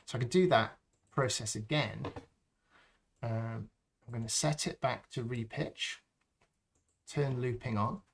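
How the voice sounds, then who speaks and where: A man hosting a live stream, calmly talking through a sound-design process step by step and thinking aloud as he works. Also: medium pitch, breathy edge. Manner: slow, thinking aloud as he works, with frequent ums. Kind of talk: unscripted tutorial walkthrough.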